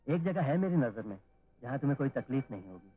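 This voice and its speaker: An actor playing a gentle, guilt-ridden young man who speaks in an earnest, apologetic way, on a tinny old film soundtrack. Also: medium pitch, big pitch swings, fast, slightly rough.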